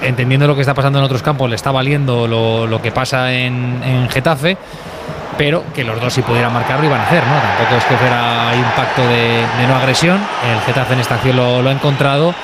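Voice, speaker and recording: A man's voice: medium pitch, fairly even intonation, a little fast, over a noisy crowd. A man analysing a live football match in hesitant, broken-up phrases. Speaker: football pundit. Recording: loud outdoor stadium noise.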